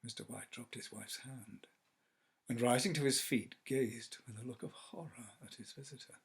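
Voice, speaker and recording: A man reading a classic story aloud as an actor, measured and theatrical, letting phrases fall to a hush. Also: medium pitch, husky. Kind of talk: dramatic literary narration.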